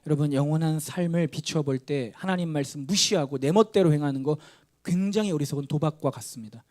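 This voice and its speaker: Brief: a male pastor preaching, a higher voice, telling a story with acted dialogue. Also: quick pace, darkish tone. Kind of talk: sermon.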